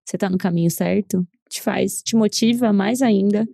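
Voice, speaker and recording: A woman's voice: medium pitch, moderate pace, vocal fry, dark tone, no room sound, clean studio sound. A Brazilian woman with a Brazilian Portuguese accent, co-hosting a podcast in an encouraging, reflective way. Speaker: podcast co-host. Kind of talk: casual podcast chat.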